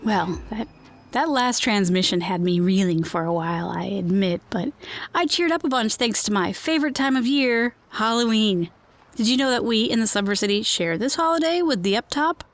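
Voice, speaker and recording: A woman with a mid-range, natural voice and lively intonation speaks at a normal pace, playing a chatty, quirky radio host of a surreal underground city in a scripted fiction podcast. She is informal and playful and keeps wandering off on tangents.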